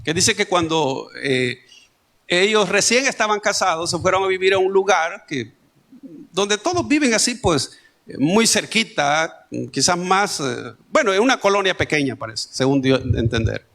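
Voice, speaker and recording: A man's voice: high voice, expressive, normal speed, gravelly, a bit bright. A male pastor with a Salvadoran Spanish accent, preaching a sermon in a conversational way with homely stories and asides. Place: church.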